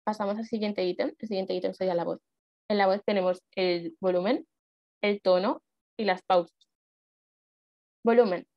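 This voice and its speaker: A woman's voice: mid-range voice, steady tone, normal speed, long pauses, no room sound. Woman teaching a speech workshop, dry dull sound. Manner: conversational, with many fillers and rhetorical questions. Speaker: speech workshop instructor and speech judge. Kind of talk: explanatory workshop talk.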